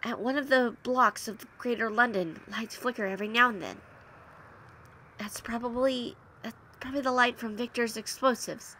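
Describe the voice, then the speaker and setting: A woman's voice: fairly high pitch, fairly even intonation, moderate pace, sharp tone, slight background noise. A woman hosting a let's play, reading game text aloud and commenting in an informal, reactive way.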